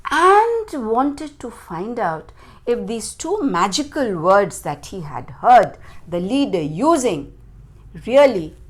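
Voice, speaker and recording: A woman with a mid-range voice reads a children's tale with dramatic flair, taking her time and punching certain words for emphasis.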